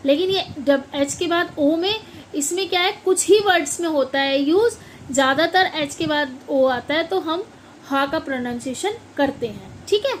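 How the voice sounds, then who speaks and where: High-voiced woman teaching letter by letter. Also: normal speed, a little hiss or hum, low-quality recording. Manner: spells words letter by letter and repeats them; checks in with listeners often. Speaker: English teacher. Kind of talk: classroom explanation.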